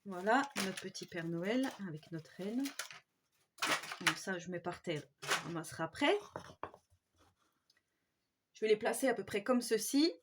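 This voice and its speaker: Background noise accompanies this woman's mid-range, animated voice as she speaks at a measured pace with long pauses. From Haute-Marne, she hesitantly talks viewers through a craft tutorial, frequently saying "hein," with a strong local accent touched by nearby Swiss speech.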